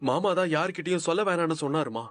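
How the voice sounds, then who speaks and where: An actor in a TV serial playing a gentle young husband who soothes his crying wife. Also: fairly high pitch, quick pace, natural voice. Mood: soothing. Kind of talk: Tamil TV serial acting.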